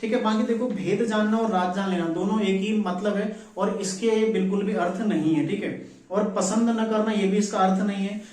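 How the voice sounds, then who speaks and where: A man's voice: sits high, fairly even intonation, normal speed, a little mellow. A man working through exam practice questions as a teacher, who keeps asking a question and answering it himself. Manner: repeats "ठीक है" often, asks then answers himself. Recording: echoey room, voice from far off.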